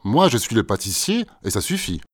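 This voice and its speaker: A man's voice: lowish voice, very animated, a little fast, slightly rough, no room sound, clean studio sound. A man playing a matter-of-fact pastry cook. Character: calm young adult male pastry cook. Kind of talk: scripted textbook dialogue.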